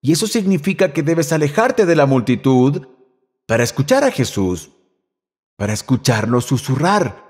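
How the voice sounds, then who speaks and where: Lively, expressive male preacher. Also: medium pitch, normal speed, breathy edge. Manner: dramatic, swings from emphatic calls to hushed near-whispers. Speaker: pastor. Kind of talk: sermon.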